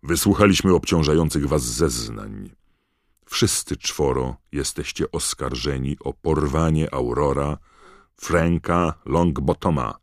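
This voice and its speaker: A man's voice: a bass voice, dry recording, clean studio sound, pitched above the performer's own voice, exaggerated voice. A man voicing a stern, cold older judge who roars his verdicts in an audiobook. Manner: roaring, emphatic pronouncements. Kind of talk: audiobook character voice.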